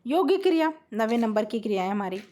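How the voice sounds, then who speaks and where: A woman's voice: on the high side, sing-song, fairly quick, dark tone. A woman teaching a Hindi grammar lesson, explaining each point step by step, repeating her examples and checking in with her students.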